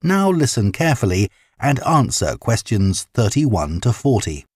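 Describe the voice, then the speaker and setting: A man reading formal exam instructions in a deliberate way. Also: mid-range voice, big pitch swings, husky, no room sound. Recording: dry studio voice recording.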